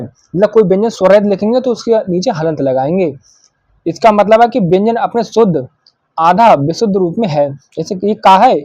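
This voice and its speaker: A man's voice: sits high, a little mellow, no echo. Guy teacher going thru exam answers, quizzes himself as he goes, kinda dull lo-fi audio. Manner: asks and answers his own questions. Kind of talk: exam paper walkthrough lesson.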